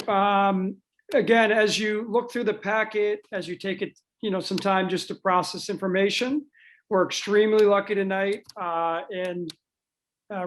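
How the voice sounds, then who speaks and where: A man hosts an online school athletics panel. He introduces guests with eager praise and talks with plenty of "uh"s. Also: high-pitched. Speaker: dean of athletics, event host.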